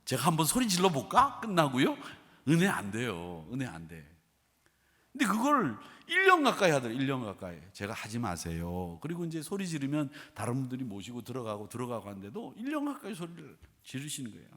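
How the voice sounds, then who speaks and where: A middle-aged male pastor preaching a sermon with storytelling, animated, swinging between quiet asides and loud outbursts, with a husky voice. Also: mid-range voice, fast talker. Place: church sanctuary. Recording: sanctuary with long reverb.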